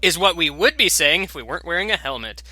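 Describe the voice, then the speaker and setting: A young man casually commenting on a video game as he plays, rambling and jokey, with sudden loud excited outbursts. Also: fairly high pitch, quick pace, no echo, soft background music. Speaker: let's play commentator.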